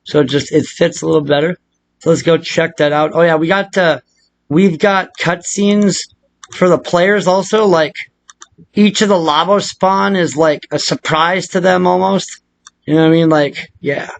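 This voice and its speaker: A man with a strikingly high voice leads a casual, improvised screen-share walkthrough on modding a game, thinking out loud in a loose, irreverent, meandering way. His intonation stays fairly flat, his pace is normal, and his voice has a creaky quality.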